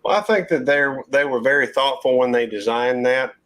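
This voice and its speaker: A man's voice: mid-range voice, moderate pace, a bit bright. A man, hosting a casual live-stream panel chat in a folksy, rambling drawl. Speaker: channel host.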